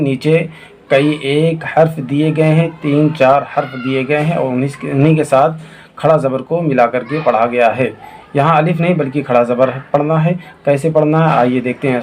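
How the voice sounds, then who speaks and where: A man teaching Quran reading in a recorded lesson, spelling out letters and vowel marks slowly, with quicker explanations in between. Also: fairly high pitch, a little mellow, slight background noise. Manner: slow, drawn-out recitation of syllables, then quick asides.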